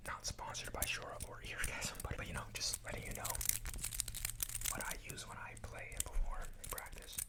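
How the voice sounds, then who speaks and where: A man speaking in a breathy whisper, rambling loosely and informally in an ASMR style. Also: moderate pace. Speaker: ASMR creator and amateur singer.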